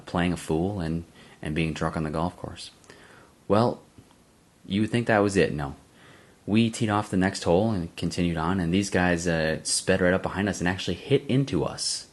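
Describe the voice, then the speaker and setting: A man hosting his own channel, casually telling a story to viewers, often chuckling and calling them guys. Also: sits low. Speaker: channel host.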